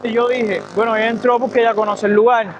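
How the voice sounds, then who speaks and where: A man's voice: very high-pitched, a little hiss or hum. A young man with a Cuban accent, a doctor telling a storytime vlog while walking outdoors by a street. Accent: Cuban Spanish. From Cuba. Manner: fast, lively storytelling. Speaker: doctor and vlogger.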